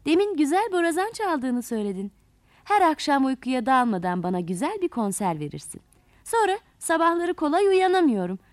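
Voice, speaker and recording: A woman voicing a stern but kind-hearted water plant in a storybook tale, scolding at first and then lecturing gently. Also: sits high, big pitch swings, a little fast, dry recording. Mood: firm, kindly.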